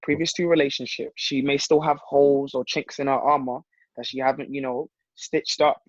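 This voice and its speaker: A man's voice: mid-range voice, moderate pace, no echo, muffled recording. A man, co-hosting a casual podcast chat and mimicking others in banter. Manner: animated, mimics voices in banter. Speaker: podcast co-host.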